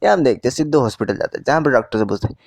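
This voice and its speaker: A man's voice: mid-range voice, animated, very fast, creaky, a little mellow, no echo. A man casually retelling a movie plot, slangy and joking, and acting out the lines. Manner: slangy, joking, acts out the dialogue. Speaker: movie recap narrator.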